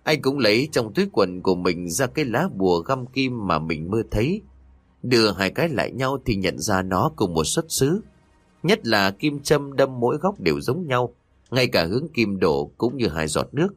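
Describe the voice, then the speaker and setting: A man narrating a ghost story in an expressive, dramatic storytelling style. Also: fairly low pitch, normal speed, no echo. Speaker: audiobook narrator.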